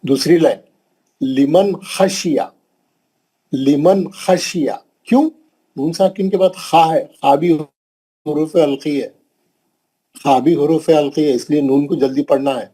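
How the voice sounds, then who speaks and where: A man's voice: a little high, measured pace, mellow, rough recording. A man teaching Quran recitation rules in a classroom lesson, patiently repeating each example and drilling the pronunciation. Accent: Hyderabadi. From India.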